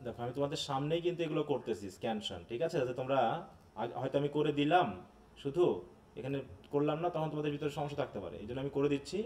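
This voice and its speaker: A male teacher from Bangladesh lectures in a live online class, his voice sitting back from the mic. He walks through each point patiently, slips English terms into his talk and often pauses to ask whether everyone is following. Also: fairly high pitch, darkish tone, recorded from a distance, slight background noise. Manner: explanatory, often checks understanding with tag questions; mixes in English terms and phrases.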